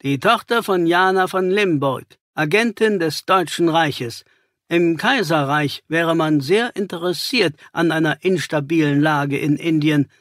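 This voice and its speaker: A man doing a calm, superior detective. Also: fairly high pitch, measured pace, no echo, studio quality.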